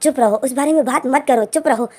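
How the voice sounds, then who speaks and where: A woman voicing a shy, embarrassed young male student who pleads quietly, in her own storytelling voice. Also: very high voice, brisk. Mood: pleading. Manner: hushed, pleading.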